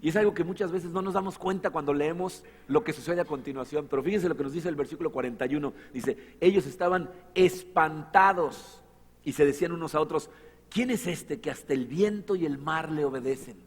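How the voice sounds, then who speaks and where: A man preaching a sermon as pastor, animated, acting out the voices in the stories he tells. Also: fairly high pitch, fast, slightly rough. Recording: long church hall reverb.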